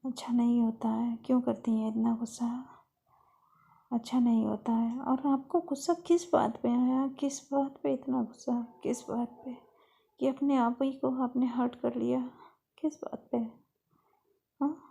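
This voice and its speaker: A caring young woman, soft and coaxing, gently scolding with a slightly raised voice, as a woman storyteller puts her on. Her tone is dark and gravelly, with a husky edge. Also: a little high, flat delivery, normal speed, long pauses. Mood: tender.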